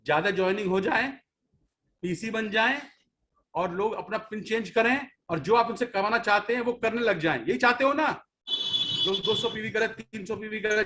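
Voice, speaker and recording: A man's voice: sits high, a bit bright, a little hiss or hum. A man in his fifties who leads a network marketing team, giving a motivational talk to an audience. He speaks emphatically, repeats key phrases over and over, and addresses his listeners directly in a preachy, scolding way. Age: 50s.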